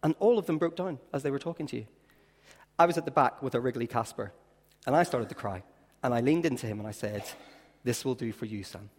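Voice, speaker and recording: Lilting Irish storyteller preaching in an echoey hall. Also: male voice, mid-range voice, expressive, quick pace. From Ireland. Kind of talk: sermon with anecdotal storytelling. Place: large church room, preaching to a congregation. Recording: echoey hall with long reverb.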